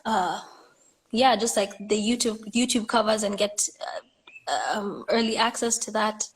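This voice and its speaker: A woman chatting as a guest singer-songwriter on a live stream, soft-spoken and hesitant, feeling cold and shivering. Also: mid-range voice, unhurried, a little hiss or hum. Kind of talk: casual chat. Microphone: phone on a live stream.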